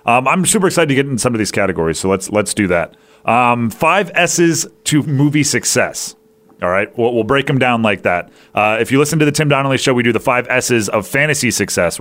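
A man's voice: mid-range voice, fairly bright tone. A man hosting a podcast, casually chatting through a movie review in a rambling way, with restarts and fillers. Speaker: podcast host.

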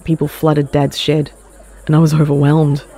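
A woman reading a first-person short story aloud, measured and sorrowful. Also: low-pitched, completely flat delivery, dark tone. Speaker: story narrator. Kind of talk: scripted first-person narration.

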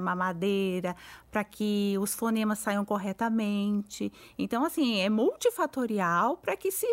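Thoughtful woman speech therapist. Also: mid-range voice. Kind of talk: conversation.

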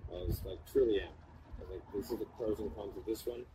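Sitting cold in an ice bath, a man chats casually on a podcast, rambling informally in a fairly low voice and talking fast. A noisy hum runs clearly through the background.

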